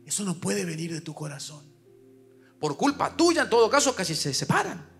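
A male pastor with a Paraguayan Spanish accent, preaching a sermon at a church service, swinging from loud urgent calls to hushed asides. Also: high voice, sing-song, moderate pace, faint music behind.

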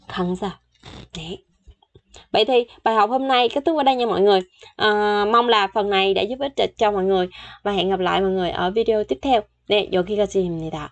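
A woman's voice: mid-range voice, gravelly. Woman teaching Korean, repeating words. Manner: repeats words slowly for practice, chatty with soft sentence endings. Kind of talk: online language lesson.

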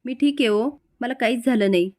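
A woman voicing a gentle young wife who feels unwell and speaks softly and hesitantly. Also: fairly high pitch, brisk, natural voice. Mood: weak. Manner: soft, hesitant.

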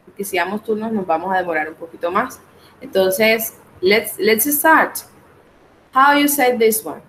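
A woman teaching an English class over a video call, explaining step by step and with patience as she calls on her students to answer. Her voice sits at an ordinary pitch, and a faint hum of background noise runs underneath. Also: a little slow, fairly bright tone, poor audio. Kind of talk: online class teaching in Spanish.

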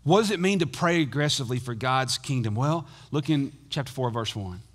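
A middle-aged pastor, preaching a sermon that swings between loud emphatic bursts and hushed, intense asides. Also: male voice, medium pitch, animated, a little fast, long reverb tail.

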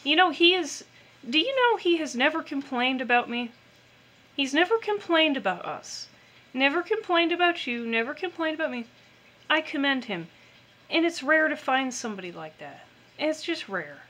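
A woman's voice: high voice, very animated, normal speed, bright, forceful tone. A woman co-hosting a podcast, chatting frankly and affirming her partner. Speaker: podcast co-host. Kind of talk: casual chat.

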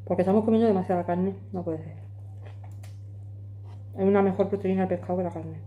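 Here a forties-aged woman from Madrid eats in her home kitchen and talks casually to her phone camera on the table, chatty, emphatic and using her hands. Her medium-pitched voice is fairly quick with fairly even intonation, and the audio sounds narrow and tinny.

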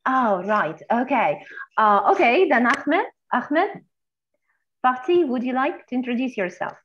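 A woman's voice: a little high, lively intonation, a little slow, lo-fi sound. Woman moderating a video-call roundtable. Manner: warm, encouraging, calls on speakers by name. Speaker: faculty moderator.

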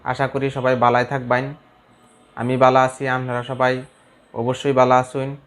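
A man vlogging in a thick Mymensingh Bengali dialect, chatting casually to his viewers. His pitch sits at an ordinary middle height and barely moves, and he rambles on with halting fillers. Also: monotone, fairly bright tone. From Mymensingh region, Bangladesh. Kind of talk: casual talk to camera.

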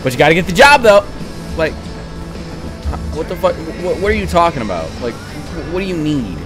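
A man casually commentating a game he plays, excitable, swearing and talking to himself. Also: on the high side, normal speed. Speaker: gaming YouTuber. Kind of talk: casual let's-play commentary. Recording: game music playing under voice.

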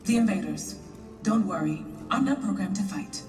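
An actor voicing a harmless droid in a video game, with an even, too smooth android manner. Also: mid-range voice, moderate pace, lightly acted. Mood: calm warning. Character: gentle, overly smooth-voiced harmless droid. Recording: distant, roomy game audio with music underneath.

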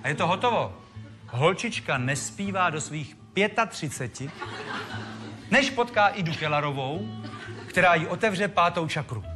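Animated man telling stories to an audience. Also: on the high side. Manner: animated, jokey, acts out the characters. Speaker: speaker giving a talk. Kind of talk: lively storytelling talk to a live audience. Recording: music playing behind.

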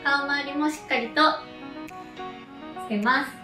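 A woman gently narrating a hair tutorial step by step in an unhurried way. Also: high-pitched, over music. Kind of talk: calm step-by-step voice-over instruction. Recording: echoey room, a bit distant from the mic.

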